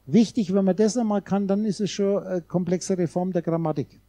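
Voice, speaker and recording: Man, seminar lecture, mellow voice, explanatory, talks directly to audience, dry close sound. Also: high voice, fairly even intonation, dry recording. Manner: explanatory, addresses listeners directly, sounds out vowels slowly. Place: seminar room with a live audience.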